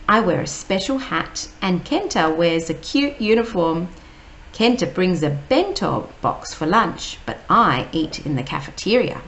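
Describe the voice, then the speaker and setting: A woman teacher, reading a picture book aloud slowly and explaining each word. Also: on the low side, very animated, fairly bright tone, poor audio. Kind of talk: read-aloud storytime.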